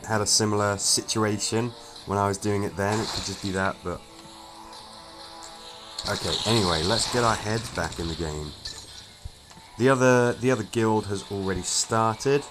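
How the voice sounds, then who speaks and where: A gaming streamer with a fairly low voice gives casual let's-play commentary on a strategy game. He thinks aloud at a moderate pace, pausing often and restarting small phrases, and the poor-quality audio carries game music behind him.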